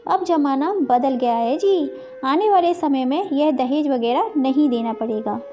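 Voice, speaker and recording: A woman plays a gentle young pregnant wife from a storybook who pleads and reasons. Her voice is high and mellow, with soft music beneath. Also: measured pace. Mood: pleading. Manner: pleading, tearful.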